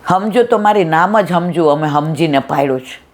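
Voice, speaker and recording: Speaking at a normal speed in a low, expressive, slightly mellow voice, this satsang speaker shares stories from her memories during a devotional talk. She reminisces and quotes people by putting on little voices.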